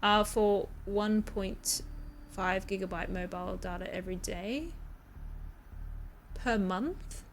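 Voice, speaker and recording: A woman's voice: medium pitch, slow pace, pauses often, slight background noise. A woman streaming a game, chatting casually with viewers, rambling and swearing freely. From Australia.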